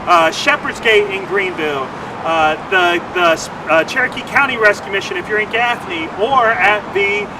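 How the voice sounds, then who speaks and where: A man's voice: high-pitched, normal speed. A man speaking as a charity's development officer on a livestream, rambling and stumbling over his words. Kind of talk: livestream fundraising chat. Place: outdoors by a street. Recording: distant mic with traffic noise.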